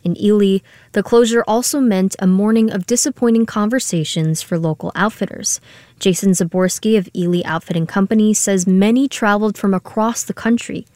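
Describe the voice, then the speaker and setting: Lady reporter reading news on air, even and clear, dry booth. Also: medium pitch, fairly quick, no room sound. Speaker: radio reporter.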